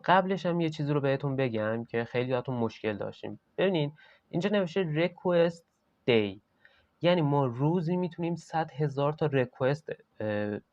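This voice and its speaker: A man talks viewers through a software setup, step by step, in an easygoing chatty tone. His voice sits mid-range. The recording is dry, with no room sound, and a little dull, like a basic desk mic. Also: mid-range voice, no echo. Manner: casual, step-by-step explaining. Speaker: tech tutorial host. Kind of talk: screen-recorded software tutorial.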